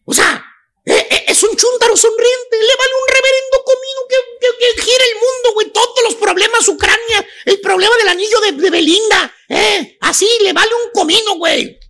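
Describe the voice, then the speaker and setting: A Mexican man ranting comically on a radio talk show, rapid and slangy, often shouting and laughing. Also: extremely high pitch.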